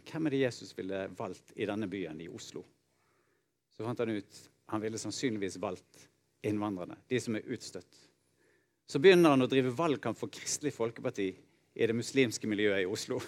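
A man preaching a sermon, telling stories with rhetorical asides and chuckles. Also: mid-range voice.

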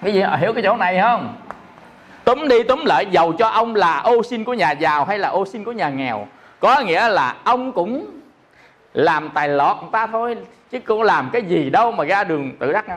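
A man's voice: high-pitched, lively intonation, fairly quick, a bit bright. A man with a Southern Vietnamese accent giving a Buddhist dharma talk, explaining by repeating himself and asking listeners questions. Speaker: Buddhist teacher.

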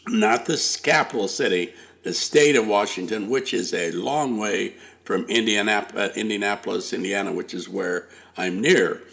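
Gravelly older man hosting a podcast. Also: fairly low pitch, a little slow, fairly bright tone. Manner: rambling, many fillers and restarts. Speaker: podcast host. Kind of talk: casual interview.

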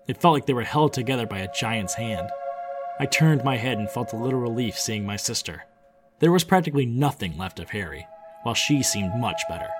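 A man reads a first-person story in a steady, measured way, his voice sitting at an ordinary middle pitch. Music plays clearly behind the narration throughout.

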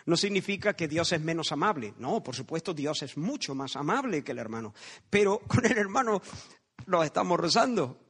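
A man's voice: fairly high pitch, very animated, normal speed, fairly bright tone, slightly rough. A man preaching a sermon in a conversational way, telling parables and asking rhetorical questions.

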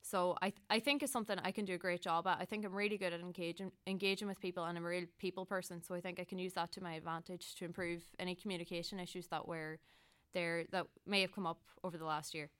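A woman's voice: on the low side, steady tone, fast talker, a bit bright, clean tone, no room sound, studio quality. A young woman with a Donegal Irish accent giving earnest, conversational interview answers as a student election candidate, often correcting herself as she goes. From County Donegal, Ireland. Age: young adult.

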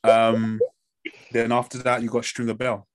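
A man with a London roadman accent chatting casually as a podcast host, using lots of slang and swearing as he tells stories in an animated way. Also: mid-range voice, measured pace, slight background noise. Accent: London, urban street slang. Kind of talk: casual banter about TV shows.

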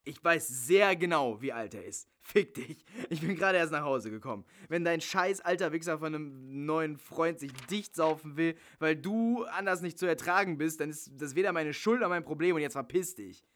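A man's voice: a little high, animated, moderate pace, few pauses, fairly bright tone. A man reading the part of a sarcastic young man who curses at his ex. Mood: bitter. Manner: cursing, sarcastic. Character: irritated young man, bitter ex-boyfriend.

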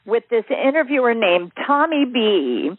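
A woman who teaches affirmations, talking in an animated, emphatic way. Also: a little high, measured pace, no echo. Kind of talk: casual chat. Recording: phone-line audio.

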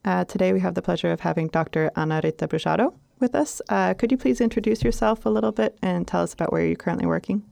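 A woman's voice: on the low side, fast talker, gravelly, hardly any pauses, darkish tone. A woman hosting a podcast, asking interview questions in a friendly way. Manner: friendly, laughs often.

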